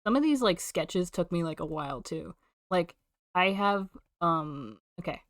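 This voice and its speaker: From her room at home, a young woman live-streams while drawing, chatting casually with viewers and swearing a lot. Her lowish voice is expressive, a bit bright, and measured, captured dry and studio-clean on a desk microphone.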